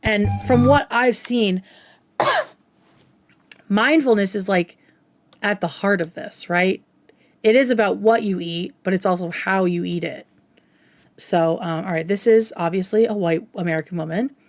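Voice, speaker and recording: Speaking at an unhurried pace with frequent pauses, a woman in her thirties hosts a stream, reacting to clips and chatting casually while leaning on "like" and "right?". Her pitch sits in the middle, and the audio has no echo.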